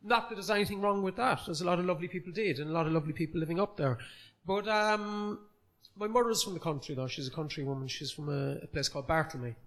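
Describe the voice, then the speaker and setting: A man's voice: a little high, fast talker, a bit bright. Chatty Cork man in his forties. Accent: Cork Irish. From Ireland, Cork City. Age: 40s. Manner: earnest, self-deprecating, chatty. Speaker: comedian guest. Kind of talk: casual podcast chat. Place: comedy club recorded live.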